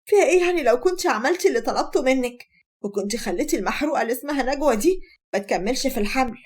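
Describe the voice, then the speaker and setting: A woman's voice: high-pitched, lively intonation, racing. A woman voicing a bitter young Egyptian wife who answers her mother with sarcasm.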